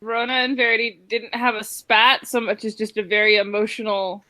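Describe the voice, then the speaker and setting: Bright-voiced woman running the game. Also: a little high, level tone, moderate pace. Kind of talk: narrating a tabletop game.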